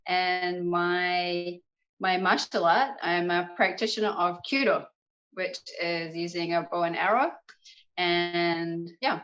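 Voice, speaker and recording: A woman's voice: fairly low pitch, slow, fairly bright tone, highs cut off. A woman with a New Zealand accent, a martial arts guest, telling her story in a casual, enthusiastic interview chat over a video call. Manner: chatty and enthusiastic, with frequent fillers. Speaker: guest, kyudo practitioner.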